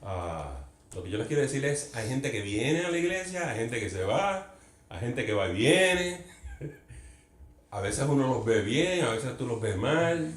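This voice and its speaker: A man's voice: medium pitch, big pitch swings, measured pace. Earnest man teaching in an echoey room. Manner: earnest, questions the group, drops English words into Spanish. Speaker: Bible study teacher. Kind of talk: conversational Bible study teaching. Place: church meeting room. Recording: echoey room with faint ambience.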